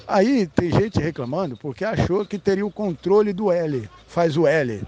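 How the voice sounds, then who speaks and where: A man's voice: sits high, animated, normal speed, warm tone, dull audio. A man with a Brazilian Portuguese accent giving a rambling esoteric monologue, blunt and emphatic, swearing casually and checking in with the listener. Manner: blunt, emphatic, sprinkled with profanity; addresses the listener directly with frequent "tá?". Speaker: esoteric spiritual speaker.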